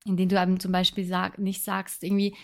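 A woman's voice: medium pitch, completely flat delivery, fairly quick, gravelly. A woman talking casually on her self-help podcast, thinking aloud and giving earnest advice. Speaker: podcast host.

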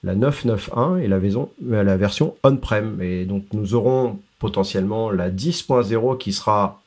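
A man's voice: fairly low pitch, moderate pace, darkish tone. A man co-hosting a casual tech podcast, explaining product releases with frequent hesitations and English tech terms mixed in.

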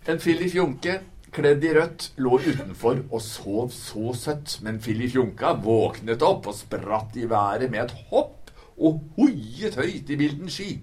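A man's voice: mid-range voice, expressive, a little mellow. Sing-song male storybook reader. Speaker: book talk presenter. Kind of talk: reading a rhymed picture book aloud.

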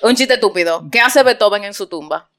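A woman's voice: medium pitch, animated, fairly quick, a bit bright. A woman trading jokes in a playful, giggly casual chat. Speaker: joke teller.

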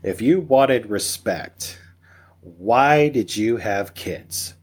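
A man guesting on a parenting podcast jokes, speaks emphatically and fires off rhetorical questions in a casual conversational interview. His lowish voice is animated with a breathy edge, and he speaks very slowly.

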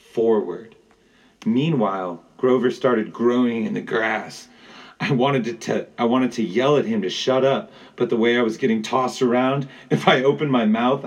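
Slow, husky man narrating from a distance. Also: medium pitch. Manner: measured, dramatic storytelling. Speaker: audiobook narrator. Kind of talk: first-person audiobook narration. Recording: voice set back from the mic.

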